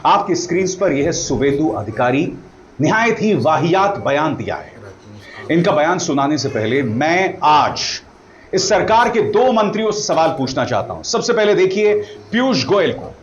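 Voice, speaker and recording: Male commentator, sharp rhetorical questioner, lively high delivery, echoey and a bit muffled. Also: normal speed. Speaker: news commentator. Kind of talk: opinion news commentary.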